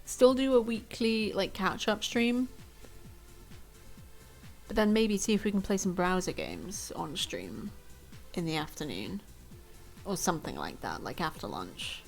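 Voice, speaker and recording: A young woman streaming from home chats casually with her viewers, rambling and poking fun at herself, while faint music plays behind her. Her medium-pitched voice is lively in intonation, a little slow, and touched with vocal fry.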